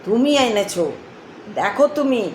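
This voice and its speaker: A woman giving a spiritual talk, musing slowly and breaking into song. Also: fairly high pitch, lively intonation, darkish tone, roomy sound, slight background noise, low-quality recording. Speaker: host.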